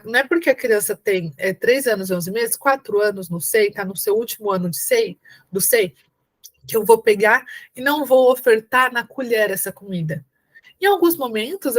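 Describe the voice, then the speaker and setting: Brazilian lady teacher w/ são paulo accent, kinda high voice, patient lecture, keeps checking in w/ students. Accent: São Paulo Brazilian Portuguese. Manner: explains patiently, checks in with "tá bom?" and "né?"; acts out warm encouraging phrases to children. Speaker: teacher preparing candidates for an exam. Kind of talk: online lecture.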